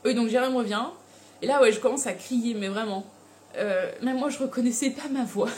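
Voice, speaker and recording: A woman's voice: on the high side, a little fast. Laughing young woman telling a story. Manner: animated, laughs often, slangy. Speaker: vlogger. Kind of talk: casual storytelling.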